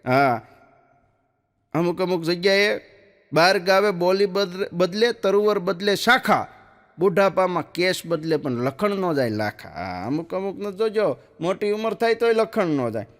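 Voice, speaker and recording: A man's voice: sits high, lively intonation, a little slow, a bit bright. A man telling folk jokes on stage, chatty, with "ઈ કે" and "હા" after nearly every line. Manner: chatty, peppers lines with "ઈ કે" and "હા". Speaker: stand-up joke teller. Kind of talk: Gujarati folk comedy storytelling. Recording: long reverb of a hall.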